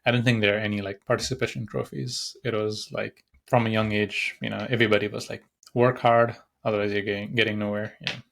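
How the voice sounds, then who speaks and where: Gravelly low-voiced man, rambling podcast talk. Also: level tone, fast talker, fairly bright tone. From Nepal. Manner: rambling, many fillers and restarts. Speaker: podcast host. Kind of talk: casual solo podcast talk.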